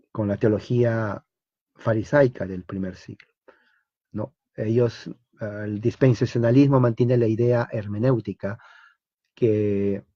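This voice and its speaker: A man's voice: mid-range voice, mellow, husky, no room sound. A man teaching a theology lecture as a Bible teacher, emphatic and full of rhetorical questions, on a dull lo-fi recording.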